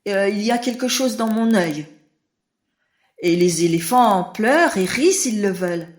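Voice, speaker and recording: A woman's voice: mid-range voice, expressive, a little slow, echoey room, natural voice. A woman voicing a brave little male rat who believes he is an elephant, earnest and kind in a children's audiobook. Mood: cheerful.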